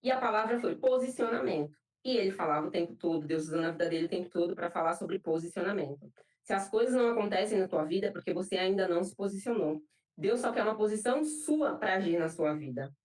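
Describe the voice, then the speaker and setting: A woman's voice: lowish voice, animated, fast talker, a little mellow. A young woman with a Brazilian accent giving an emotional personal testimony in church, repeating phrases for emphasis. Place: church hall. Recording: roomy, from a distant mic.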